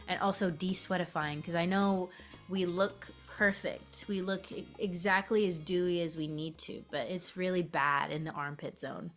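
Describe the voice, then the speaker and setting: A woman's voice: lowish voice, steady tone, moderate pace, fairly bright tone. Female podcast host, informal and chatty, with light music underneath. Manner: informal, swearing freely. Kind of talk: casual podcast chat.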